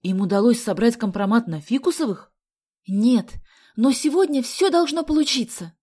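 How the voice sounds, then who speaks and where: A woman's voice: on the high side, animated, normal speed, a little mellow, slightly rough, voice pushed up. A woman reading an audiobook aloud, voicing a terse, protective young man. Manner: curt, stubborn. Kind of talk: audiobook character voice.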